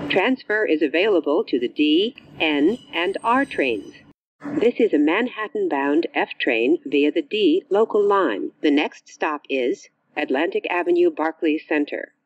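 A man's recorded train announcements, spliced together from separate words, slow and clipped with pitch jumps where the words are joined. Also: dry recording. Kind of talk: prerecorded transit announcements. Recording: muffled train speaker recording.

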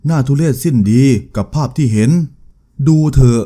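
A man narrating a novel in a steady, dramatic reading. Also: on the high side, quick pace. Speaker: storyteller.

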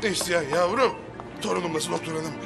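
A man's voice: fairly high pitch, a little fast, creaky, music in the background. An actor playing a hot-tempered, boastful grandfather in his fifties who has been hurt in a car crash. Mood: worried. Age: 50s. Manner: shouting, threatening. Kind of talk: TV drama acting.

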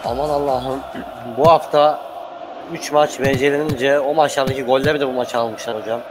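A man's voice: medium pitch, a little fast. Laid-back male co-commentator over music. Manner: relaxed joking asides, addresses partner as hocam. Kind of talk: casual esports color commentary.

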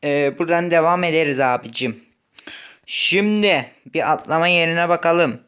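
A young man giving casual gameplay commentary, chatty, muttering when frustrated and shouting when excited. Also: fairly high pitch, moderate pace, clear, resonant tone. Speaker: gaming YouTuber.

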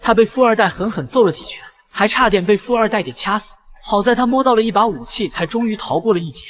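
Male narrator, high voice, fast pace, scripted story recap. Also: a bit bright.

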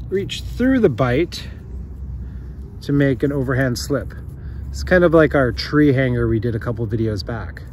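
Outdoors in a park, a middle-aged man who hosts a bushcraft channel calmly walks through practical instructions step by step. His voice sits at a medium pitch, with a little background noise audible.

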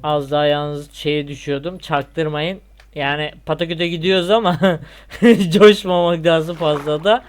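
A man's voice: fairly high pitch, fairly even intonation, unhurried, slight background noise. A young man from Turkey, with a Turkish accent, chatting casually and joking as he plays through a parkour game for his channel. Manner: chatty, joking, yelps when he falls. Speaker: gaming YouTuber. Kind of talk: casual gameplay commentary.

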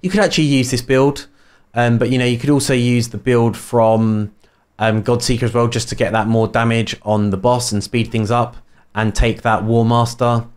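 A man's voice: mid-range voice, fairly even intonation, moderate pace, a little mellow, clean tone. Rambling man explaining a game. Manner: rambling, with many fillers and restarts. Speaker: gaming video creator. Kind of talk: casual game guide commentary.

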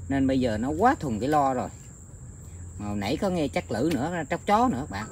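A man talking casually to his viewers outdoors, rambling with many filler pauses. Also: mid-range voice, animated, background noise. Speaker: bird-trapping vlogger. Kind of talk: casual outdoor vlog narration. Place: outdoors in countryside.

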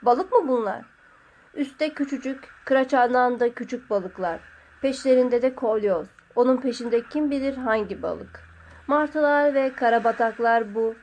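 A woman calmly narrating a literary short story as an audiobook reader. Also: fairly high pitch, a little slow, a little hiss or hum.

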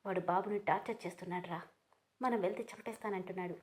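Lady voicing a tense cop guy barking quick orders, audio story. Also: fairly low pitch, fairly even intonation, lightly acted. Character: tense male police officer giving urgent orders.

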